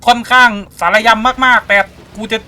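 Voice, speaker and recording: A man commentating his own gameplay in a casual let's-play, excitable and talking to himself, with playful swearing. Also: very high-pitched, normal speed, smooth. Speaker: gameplay streamer.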